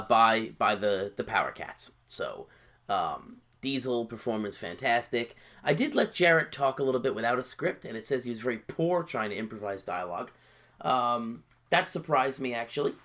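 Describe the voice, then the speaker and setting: A man casually talking through his wrestling booking game, halting with fillers and repeated words, a bit sleepy and yawning. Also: mid-range voice, a bit bright. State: sleepy, yawning early in the day. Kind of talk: casual gameplay commentary.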